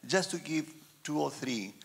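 A man from Chile, an audience member asking a long, halting question full of fillers in a large hall. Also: on the high side, lively intonation, gravelly. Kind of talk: audience question at a panel event. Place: large wood-panelled hall. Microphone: roving handheld mic.

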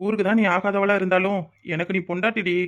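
A boastful young village husband brags and fusses over his wife in a swaggering, playful manner, as a voice actor puts him on. He talks fast with a bright, forward tone and a southern Tamil accent. He is a cartoon laborer who is proud of his strength. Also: mid-range voice, steady tone, lo-fi sound, close to an everyday voice. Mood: doting. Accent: southern Tamil (Tirunelveli). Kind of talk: cartoon voice acting.

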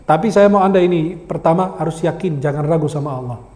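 A man preaching an Islamic sermon, telling lively stories and acting out the people in them. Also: a little high, fast. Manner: lively storytelling, acts out quoted voices, laughs. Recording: long hall reverb.

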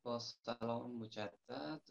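A soft-spoken man with a Herati accent recites his verse in dialect, his voice sitting at an ordinary pitch. The sound is dull and lo-fi, like an online call. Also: vocal fry. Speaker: poet and reciter.

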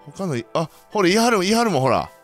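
A young man with a Kansai accent commentating his own game play, bursting into loud reactions and then muttering quietly. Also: a little fast, faint music behind. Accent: Kansai Japanese. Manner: excitable, reacts loudly to surprises, then mutters low. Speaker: gaming channel host.

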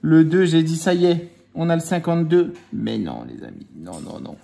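A man's voice: on the high side, wildly swooping pitch, gravelly, dark tone. A man chatting casually at home while scratching lottery tickets, teasing his kids and drawing out the numbers. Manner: playful, teasing, drawn-out number counting. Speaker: scratch-card vlogger. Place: at home with his children nearby.

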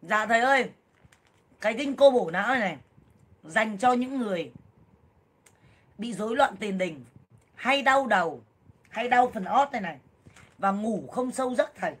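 A woman in her thirties on a casual livestream, loud, blunt and jokey, full of exclamations as she talks to viewers. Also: fairly high pitch, animated, normal speed, long pauses, slightly rough. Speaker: livestream seller and vlogger.

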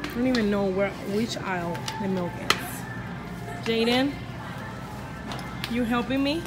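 A woman in her thirties, a mother of three, rambles with lots of fillers to her phone camera held at arm's length for a casual family vlog, starting in her home kitchen and moving to a parked car. Her voice is a little high and slow-paced. Loud music plays behind her, and the recording quality is low.

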